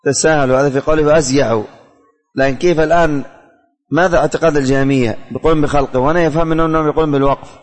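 A man's voice: fairly high pitch, steady tone, rapid-fire, long reverb tail. A man teaching a religious studies class, calling on students by name, asking questions and repeating the answers.

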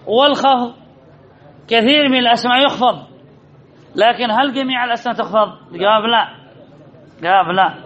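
A man's voice: high-pitched, bright, forceful tone. A man teaching a classroom grammar lesson, repeating key phrases and asking and answering his own questions. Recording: dull lo-fi recording.

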